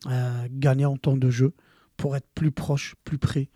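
A man hosting an interview, asking long, halting questions full of fillers and repeated words. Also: mid-range voice, level tone, warm tone, no echo, studio quality. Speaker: podcast host. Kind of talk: casual interview.

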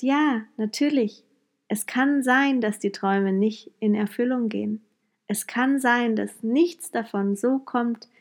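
A woman with a fairly high voice talks through a motivational podcast monologue. She speaks earnestly as a coach and retells a conversation with a client. She keeps checking in with a questioning "ja?". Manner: earnest, tags sentences with a questioning "ja?". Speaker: podcast host and life coach.

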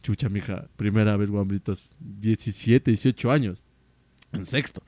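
A man's voice: on the low side, normal speed, no room sound. A young man telling a rambling story in a casual podcast chat, full of slang. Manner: rambling, slangy, animated storyteller who keeps saying "loco" and "mija". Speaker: podcast co-host.

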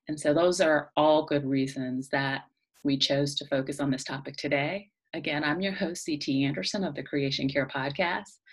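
A woman's voice: deep voice, husky. A woman hosting a podcast, chatting casually with fillers and introducing her guest. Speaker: podcast host.

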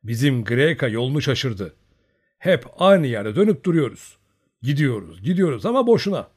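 A man voicing a cocky young male Cossack who talks in a brisk, confident way. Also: medium pitch, very animated, a little mellow, husky. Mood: recounting.

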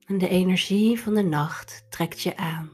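Slow, soft, breathy woman guiding meditation. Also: fairly low pitch. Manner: soft, breathy, soothing delivery. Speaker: guided meditation host. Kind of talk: guided meditation. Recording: voice over background music. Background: instrumental music.

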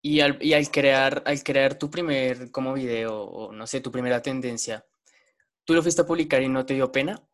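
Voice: mid-range voice, moderate pace. An interviewer, asking questions in a hesitant, repetitive way. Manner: hesitant, repeats words while asking. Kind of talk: casual interview.

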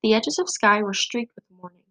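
A woman reads a children's storybook aloud with a gentle, steady storytelling manner. Her voice sits at a mid height. The recording is dry and close, with no room echo. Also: medium pitch, normal speed. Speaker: storybook reader. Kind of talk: reading a children's picture book aloud.

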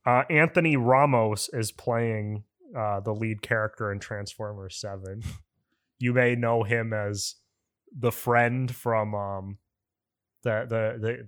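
A man's voice: medium pitch, a bit bright, clean tone. A man co-hosting a casual podcast chat, incredulous and exasperated about movie news. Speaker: podcast co-host.

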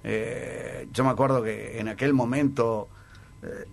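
A man's voice: medium pitch, steady tone, unhurried, gravelly. An older man with a Rioplatense accent, a former sports broadcaster, telling anecdotes casually in a radio interview and often repeating words as he searches for the next one. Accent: Rioplatense Spanish.

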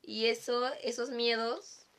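A woman's voice: fairly high pitch, flat delivery, slow, fairly bright tone. A woman with a Mexican Spanish accent in casual chat who talks a lot, laughs often and acts out the voices in her stories.

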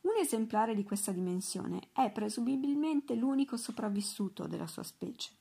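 A woman reading aloud voices an earnest young female assistant who speaks brisk and insistent in a storybook. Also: on the high side, animated, creaky, warm tone, husky, full character voice.

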